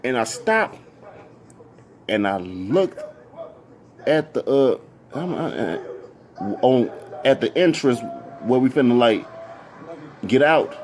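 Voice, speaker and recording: A man telling a story casually, excitable and jumping into high squeals when he quotes people. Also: takes it slowly, pauses often.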